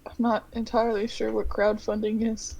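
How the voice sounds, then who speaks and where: A woman's voice: a little high, completely flat delivery, moderate pace, vocal fry, a little mellow, rough recording. Dry-joking woman on a game call. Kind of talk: casual gaming chat with friends.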